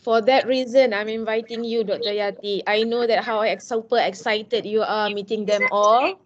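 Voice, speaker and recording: A woman's voice: mid-range voice, steady tone, normal speed, a little hiss or hum. A woman hosting an online meeting, chatty, calling on guests by name. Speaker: meeting host. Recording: dull lo-fi sound.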